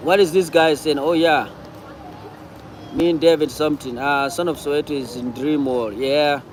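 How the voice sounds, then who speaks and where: A man hosts a loose, chatty livestream, reading out viewer comments and answering them aloud. His voice sits a little high for a man, and he often repeats his words. Loud traffic noise carries behind him. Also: steady tone, moderate pace. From Cameroon. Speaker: livestream host.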